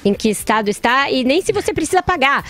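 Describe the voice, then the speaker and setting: A woman's voice: sits high, expressive, quick pace, fairly bright tone, faint music behind. A woman with a Brazilian accent giving sarcastic, mocking radio commentary.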